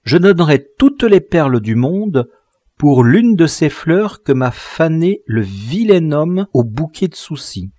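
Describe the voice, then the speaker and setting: A man doing a young bride in an audiobook, sweet and eager, her tender words rising and falling in a lively, unhurried melody. The reading is dry and close, with no room around it. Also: a little high, dry recording, voice pushed up, full character voice.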